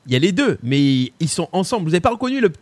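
A chatty male host with a fairly high voice runs a live quiz show. He repeats phrases, hesitates with fillers, and keeps the banter going. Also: big pitch swings, rapid-fire. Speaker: host running a song quiz and prank calls. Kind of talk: lively live-stream chat.

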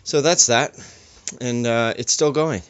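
A man's voice: mid-range voice, a little slow, smooth, no room sound. A man co-hosting a podcast in casual chat, rambling with many fillers and restarts. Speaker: podcast co-host. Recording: dull, slightly lo-fi dry recording.

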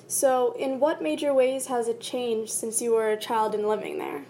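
A woman's voice: a little high, steady tone, normal speed, warm tone, slight background noise. A sixteen-year-old girl as a student reporter, reading narration and asking interview questions. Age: teens.

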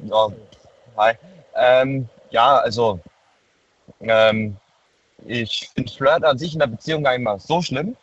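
A man's voice: medium pitch, takes it slowly, long pauses, dry recording. A nineteen-year-old man from near Heidelberg calling in over the phone, talking hesitantly with many filler words. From near Heidelberg, Germany. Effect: heard over a phone line. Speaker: caller. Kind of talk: casual call-in chat. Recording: muffled dry phone line.

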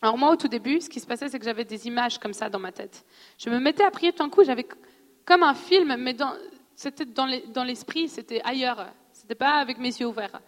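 A woman with a noticeable accent teaching a church audience on prophecy in a conversational, animated way, often laughing and asking questions. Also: sits high, a little fast. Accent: non-French accent in French. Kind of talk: sermon teaching. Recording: long hall reverb.

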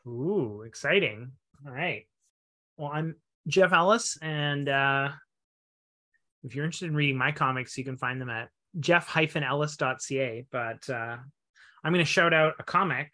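A man co-hosting a casual book-club podcast, talking in a relaxed, hesitant way with restarts. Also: fairly high pitch, normal speed. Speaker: podcast co-host.

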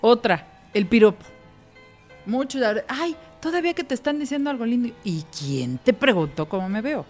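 A woman's voice: a little high, sing-song, normal speed, darkish tone, soft background music. A woman with a Mexican accent hosting a podcast in casual chat, emphatic and swearing freely. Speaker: podcast host.

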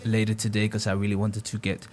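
Young man from the Netherlands, interview guest; easygoing, halting delivery. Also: lowish voice. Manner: relaxed, hesitant with many restarts. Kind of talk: casual interview.

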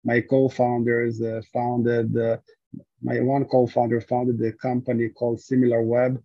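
Here a man from Israel talks at length about his startup as an interview guest, stumbling through fillers and restarts. The founder's mid-range voice is dark, unhurried and completely flat, recorded dry with a dull, lo-fi sound.

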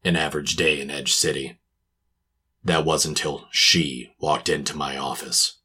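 A man's voice: extremely low pitch, fairly even intonation, measured pace, bright, forceful tone, a little hiss or hum, full character voice. A man playing a cynical hard-boiled private detective, narrating and talking in a clipped, sardonic tough-guy manner in a noir radio drama. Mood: brooding.

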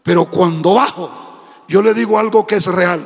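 A man preaching a fiery sermon as a pastor, shouting and half-singing his phrases. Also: high-pitched, normal speed, gravelly, slightly rough, long reverb tail. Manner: speaking in tongues.

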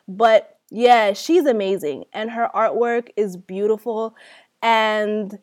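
A woman's voice: medium pitch, slow pace, a little mellow. A woman co-hosting a podcast in casual chat, talking from under a comforter pulled over her head like a tent, on a home-made internet call recording. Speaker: podcast co-host.

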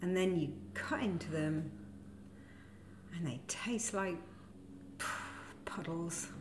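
A woman's voice: fairly low pitch, takes it slowly. A woman co-hosting a casual comedy podcast, giggling often as she chats. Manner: giggly and animated, laughs often. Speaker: podcast co-host. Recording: roomy echoey room with faint noise.

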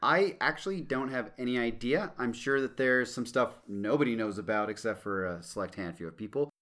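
Male podcast co-host, mid-pitched, easygoing and quick to joke. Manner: relaxed, joking, laughs often. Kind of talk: casual legal podcast chat.

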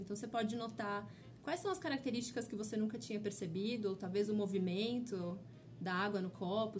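A woman teacher guiding listeners through a slow mindfulness exercise in a relaxed chat, speaking in a soothing, unhurried way. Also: mid-range voice. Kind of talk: guided mindfulness instruction in a casual chat.

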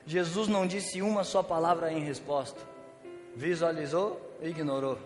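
A man with a Brazilian Portuguese accent preaches in a relaxed, slangy, joking storyteller's manner. His voice sits a little high for a man. It rings through a reverberant hall over soft background music. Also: measured pace. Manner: casual slangy storytelling with humor. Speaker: pastor. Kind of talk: sermon. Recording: echoey church hall with faint music.

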